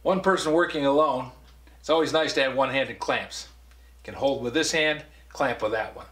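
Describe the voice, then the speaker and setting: This is an older male woodworker touring his cluttered basement shop indoors, chatting casually through anecdotes with a dry wit. The voice sits at medium pitch with a fairly bright tone and a moderate pace, and the room sounds echoey.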